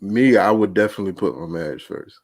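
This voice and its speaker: Man, low-pitched, dry close sound, casual podcast chat, rambling filler phrases. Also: fast, no echo. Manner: loose, repeats "you know what I'm saying". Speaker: podcast guest.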